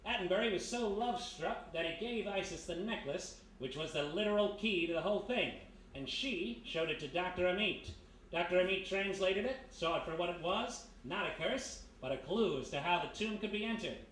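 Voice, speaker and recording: A man plays a brash American private detective, a reformed thief, in a 1930s-style radio mystery performed live before an audience in a historic house. Confident and sardonic, he wisecracks in slang as he lays out the case, his voice high for a man, fairly bright and moderately paced. The live recording is roomy, with faint noise underneath.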